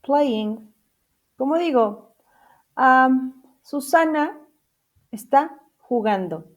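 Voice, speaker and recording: Slow, higher-voiced woman teaching English grammar. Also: lively intonation. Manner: spells out letters and repeats each example slowly; checks in with the class through questions. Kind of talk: bilingual grammar lesson.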